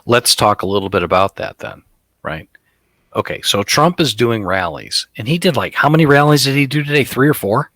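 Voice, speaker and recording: A man's voice: medium pitch, lively intonation, brisk, bright, forceful tone, dry recording. A middle-aged man co-hosting a casual political chat podcast, talking emphatically and mockingly, often repeating himself. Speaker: podcast co-host.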